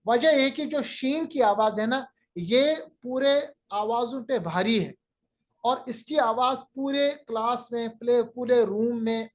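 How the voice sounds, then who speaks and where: A woman's voice: a little high, slow pace. A woman teaching Quran recitation in a recorded lecture, patiently repeating and stretching out sounds to show how they are said. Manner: repeats words to drill pronunciation.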